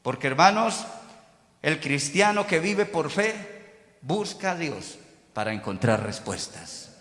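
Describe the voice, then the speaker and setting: Male pastor, slow bright delivery in a reverberant hall; booming calls alternating with hushed asides. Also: very animated. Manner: swings between loud, drawn-out calls and quiet asides. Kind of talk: sermon. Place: church service. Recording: echoey church hall.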